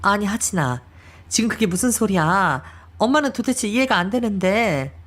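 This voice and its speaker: A woman's voice: mid-range voice, lively intonation, moderate pace, lightly acted. A woman voicing a remorseful middle-aged mother who pleads and sighs through her tears in an audio drama reading. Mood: shocked pleading. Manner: emotional, pleading, sighing.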